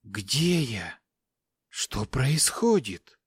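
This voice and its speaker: A man's voice: fairly high pitch, huge pitch swings, very slow, darkish tone, dry recording, studio quality, pitched above the performer's own voice, heavily acted. A man voicing a weak, frightened middle-aged woman, speaking faintly and pleading in a raised voice. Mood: weak dazed.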